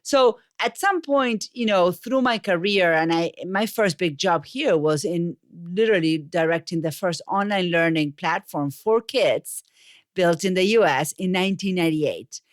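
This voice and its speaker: This Buenos Aires communications coach, in her forties, appears as a podcast guest and recounts her story in a relaxed, conversational interview style. Her Argentine Spanish accent comes through in a lowish, unhurried voice, captured in a dry, studio-quality recording.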